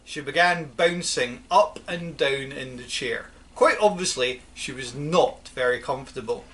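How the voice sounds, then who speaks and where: Bright, expressive woman reading a storybook. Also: very deep voice, a little slow. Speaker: audiobook narrator. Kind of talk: storybook narration.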